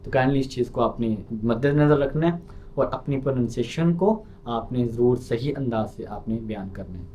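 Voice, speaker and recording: A man with a Pakistani Urdu accent teaching an online lesson. He explains patiently and drills each sound by repeating it loudly. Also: medium pitch, moderate pace, a little hiss or hum. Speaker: language teacher.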